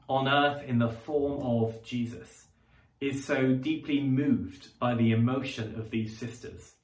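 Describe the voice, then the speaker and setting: Male preacher, mid-pitched, conversational and reflective sermon delivery, recorded off-mic in a reverberant church. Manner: conversational, reflective, with frequent pauses and fillers. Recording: roomy echo, distant mic.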